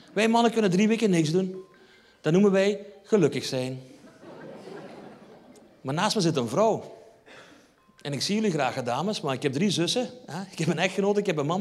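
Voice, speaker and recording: A man with a Flemish accent performs stand-up on a theatre stage, telling a wry story and turning to the audience. His voice sits fairly high. A long hall reverb trails every line. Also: fairly quick, pauses often. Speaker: stand-up comedian. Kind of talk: stand-up routine.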